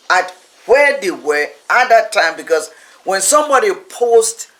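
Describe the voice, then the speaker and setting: Male preacher for a teaching sermon: high voice, unhurried delivery, emphatic repeated phrases. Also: a bit bright, poor audio.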